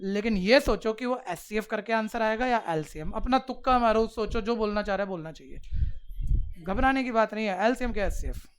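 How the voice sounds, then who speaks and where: A man teaching maths to a class, coaxing the pupils along with quick direct questions. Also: sits high, clean tone. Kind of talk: classroom lecture.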